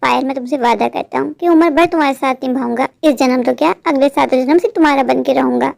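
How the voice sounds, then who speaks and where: A woman voicing a smooth-talking young husband and son in a cartoon, reassuring his bride in a glib way. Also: high voice, fast talker, darkish tone. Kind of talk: cartoon voice acting.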